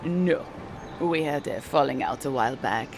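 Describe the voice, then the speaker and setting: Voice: medium pitch, normal speed, noisy background, lightly acted. An actor playing a courteous character asking for help in a fantasy video game, in a polite manner. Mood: polite, reserved. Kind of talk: dramatic video game dialogue.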